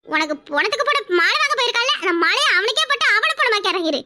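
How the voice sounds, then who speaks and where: A woman's voice: very high voice, sing-song, fast, pushed and bright, a little hiss or hum, exaggerated voice. A woman voicing a fiery village daughter in a cartoon who scolds her drunken mother. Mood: scolding. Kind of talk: cartoon voice acting.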